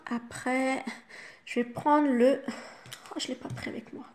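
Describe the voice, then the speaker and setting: Femme vloggeuse beauté, voix assez aiguë. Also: female voice, high-pitched, steady tone, unhurried, slight background noise. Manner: chatty, talks the viewer through each step with fillers like "hop" and "voilà". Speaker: makeup vlogger. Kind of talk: casual makeup tutorial.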